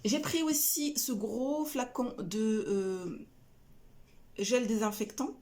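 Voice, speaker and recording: A woman's voice: fairly high pitch, lively intonation, slow, darkish tone. A middle-aged woman casually chatting about her shopping haul, hesitant with many fillers and restarts. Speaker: family vlogger showing a shopping haul. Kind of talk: casual haul chat to camera.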